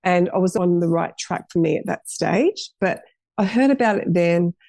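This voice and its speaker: In a studio-quality recording with no echo, a middle-aged cafe owner chats casually as a podcast guest. Her low, dark voice has vocal fry and an animated energy at normal speed as she tells her story earnestly, rambling and restarting often.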